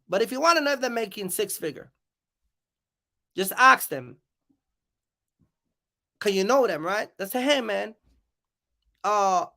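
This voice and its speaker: Ranting off the cuff on a livestream, the host uses a forceful, bright voice at medium pitch, roughened by a gravelly creak. They confront and challenge listeners emphatically, returning to the same phrases again and again to drive each point.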